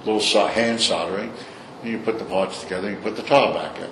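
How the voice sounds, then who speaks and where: Fast-talking and lowish in pitch, this older Brooklyn man spins informal stories during an interview. He comes across as blunt and salty, with strong opinions, recorded in an echoey space where background noise is clear.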